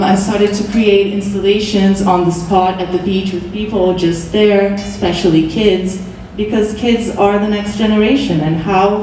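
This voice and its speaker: A Portuguese-speaking young woman from Brazil sits on a gallery panel, earnestly explaining her art and restarting now and then. Her mid-range voice has a dark tone. The distant mic picks up an echoey room and slight background noise.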